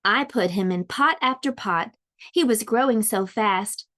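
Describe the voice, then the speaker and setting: Her voice is on the high side and a little bright as she reads a children's story aloud, preschool-teacher style, lingering dramatically over words with lots of expression.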